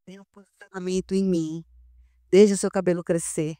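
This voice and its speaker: A woman voicing a gentle, solemn divine male voice, speaking slowly, sweetly and firmly. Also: lowish voice, fairly even intonation, no echo, studio quality, lightly acted. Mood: tender, solemn. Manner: slow, sweet and firm.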